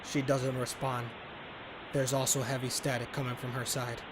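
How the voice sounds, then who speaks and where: A man's voice: medium pitch, little pitch movement, moderate pace. Man, mid-range voice, let's player, dramatic read-aloud narration, casual asides, faint noise behind. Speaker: let's player reading a visual novel aloud.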